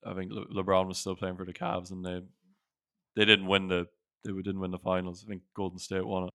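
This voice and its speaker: An Irish man hosts a casual sports conversation in a low, very smooth voice. His pitch moves little, and his accent is plainly Irish. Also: flat delivery, fairly quick, sharp tone, no echo, clean studio sound. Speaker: podcast host.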